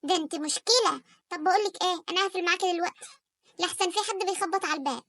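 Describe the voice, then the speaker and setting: A young woman with an Egyptian Arabic accent voicing a jealous, scheming sister in an animated story, quick and sharp-tongued. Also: very high-pitched.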